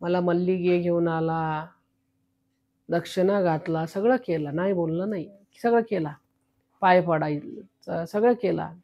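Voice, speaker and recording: A woman's voice: on the low side, unhurried, lo-fi sound. A woman spiritual guru giving a devotional talk, recounting a counseling case in a stern, preachy storytelling manner.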